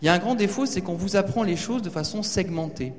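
Animated man speaking in a reverberant hall. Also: high voice, fast talker. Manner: animated, teasing, addresses the audience directly. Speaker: guest speaker addressing students. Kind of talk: lively public talk. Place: large hall with an audience.

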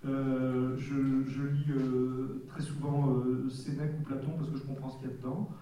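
Mellow-voiced man in his forties, halting. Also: medium pitch, level tone. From Nice, France. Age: 40s. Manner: reflective, candid, halting. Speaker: author guest at a public talk. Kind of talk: casual public Q&A. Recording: echoey hall from far off.

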